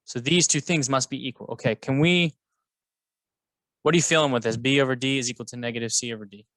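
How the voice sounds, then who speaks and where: A man's voice: mid-range voice, fairly even intonation, quick pace, a bit bright, no echo. A man teaching math alongside a colleague, playful and jokey, guiding with questions. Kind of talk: co-teaching a lesson, casual banter.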